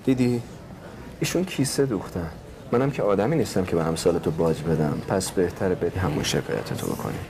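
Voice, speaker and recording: A man's voice: low voice, expressive. An actor playing a stubborn, proud young man who answers his family curtly and defiantly. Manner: curt and defiant. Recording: background noise.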